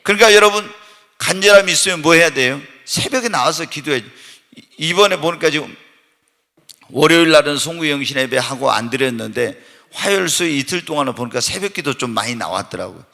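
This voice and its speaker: A pastor preaching a Wednesday night church sermon, animated and full of rhetorical questions put to the congregation, sometimes bursting into loud shouted emphasis. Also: male voice, fairly high pitch, brisk, vocal fry. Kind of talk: Korean evening church sermon. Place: church sanctuary during a Wednesday night service. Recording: long church-hall reverb.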